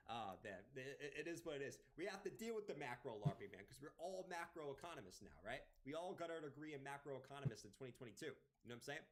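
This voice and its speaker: A man's voice: mid-range voice, expressive, quick pace, hardly any pauses. A man doing casual live-stream commentary on crypto trading, rambling, stumbling over repeated words and joking sarcastically about economic news.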